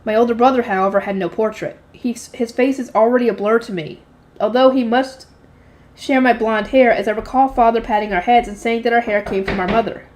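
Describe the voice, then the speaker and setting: A woman's voice: fairly high pitch, steady tone, fairly quick, a little mellow. A woman reading a light novel aloud, unrehearsed, often slipping and correcting herself. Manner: unrehearsed reading with frequent slips and self-corrections.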